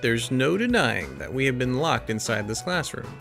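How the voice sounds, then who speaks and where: A man's voice: medium pitch, wildly swooping pitch, normal speed, gravelly, music in the background. A man playing a game and reading its dialogue aloud in shifting tones, with wry casual asides between lines. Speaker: let's play streamer.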